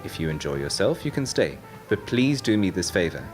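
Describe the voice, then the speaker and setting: A man's voice: low-pitched, very animated, a little fast, soft background music. A man doing a watchful, protective animal companion. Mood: urgent. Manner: urgent, warning, matter-of-fact. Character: calm, watchful male pet animal, protective guide. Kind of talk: audiobook narration.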